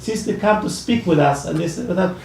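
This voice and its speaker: Gravelly, high-pitched and darkish, the voice belongs to an Iraqi man with an Iraqi Arabic accent giving personal testimony at a public discussion in a library event room. He halts constantly, with many restarts and fillers. Echo from the hall, a distant mic and slight background noise mark the recording.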